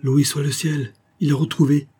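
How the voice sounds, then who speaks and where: A man's voice: moderate pace, dark tone, husky. A man reading aloud voices an anxious, tearful wife who pleads emotionally in an audiobook. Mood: overwhelmed. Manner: emotional and pleading, raised pitch.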